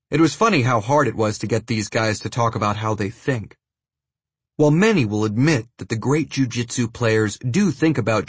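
A man's voice: on the low side, slightly rough, no echo. A man narrating a scripted first-person account as an audiobook reader.

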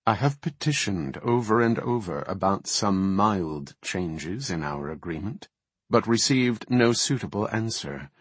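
A man's voice: fairly low pitch, animated, measured pace, husky, no room sound. A man doing a proud, defiant elf sorcerer. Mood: insistent. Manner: insistent, clipped, indignant.

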